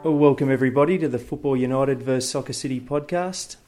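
A man hosts a football podcast in a measured, formal way. His voice sits at an ordinary middle pitch for a man, neither deep nor high. He reads a scripted intro and then moves into a conversational interview. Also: over music.

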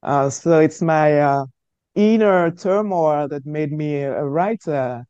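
Middle-aged woman guest, stammering restarts, warm low-key tone, muffled lo-fi line. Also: slow, clear, resonant tone, no echo. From Cameroon. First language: French. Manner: hesitant, searching for words, frequent stammered restarts. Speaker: author guest. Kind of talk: conversational interview answers.

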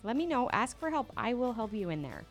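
Her voice is on the high side, very animated and brisk, with faint music in the background. She's a podcast host and profit coach giving a solo coaching talk, speaking straight to her audience in a direct, encouraging manner and asking many rhetorical questions.

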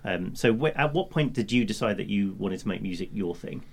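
A man's voice: on the low side, expressive, fairly quick, a crowd in the background. A man with a British accent hosting a music show, interviewing casually in a complimentary, encouraging manner.

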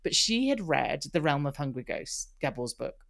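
A man talking as a podcast guest, telling personal stories in a candid, conversational way with quick bursts and frequent restarts. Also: on the high side, very animated, vocal fry, fairly bright tone.

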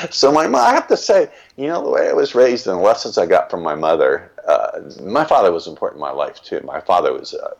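An older man, a guest in an interview, telling stories from his life in a reflective, emphatic way. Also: low-pitched. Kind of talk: reflective storytelling.

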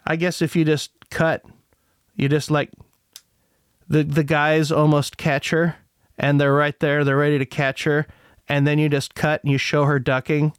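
A man's voice: on the high side, clean tone, dry recording, studio quality. A man hosting a podcast, talking in a rambling, profane, opinionated way. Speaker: podcast host. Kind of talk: casual monologue.

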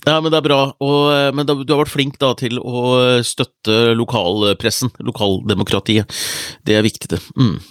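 A man's voice: medium pitch, steady tone, dry recording. Podcast guy rambling, lots of ehs and restarts, dry close mic. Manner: hesitant, many fillers and restarts. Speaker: podcast co-host. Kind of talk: casual chat.

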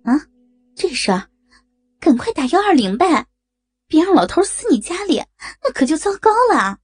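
A woman voicing an offhand female friend giving brisk advice. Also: sits high, sing-song, dry recording, clean studio sound, faint music behind, pitched above the performer's own voice.

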